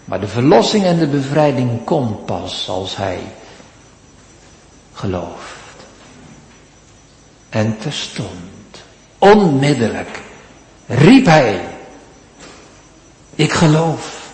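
A man preaching a sermon to his congregation, with dramatic pauses and rising emphasis. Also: mid-range voice, very animated, darkish tone, slight background noise. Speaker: pastor. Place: church. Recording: echoey church hall.

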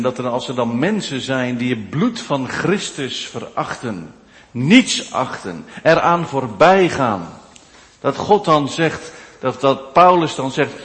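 A male preacher delivers a sermon at a very slow, weighty pace, his voice swelling from hushed low phrases to loud declaiming. His words ring out in a church with a long, trailing reverb.

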